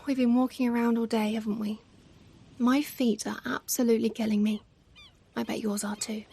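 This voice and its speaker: An ASMR performer plays a tender, doting mother comforting her pet, playfully poking fun at herself as she murmurs softly and affectionately, sometimes close to a whisper. Her full character voice sits a little high and sounds gravelly and husky, with a playful, cosy mood. Steady ocean-wave ambience runs underneath the whole clip.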